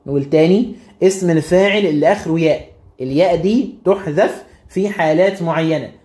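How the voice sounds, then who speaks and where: Fast-talking Egyptian man teaching grammar. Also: a little high, a little mellow, reverberant. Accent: Egyptian Arabic. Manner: quizzes himself and repeats rules. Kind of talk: classroom explanation.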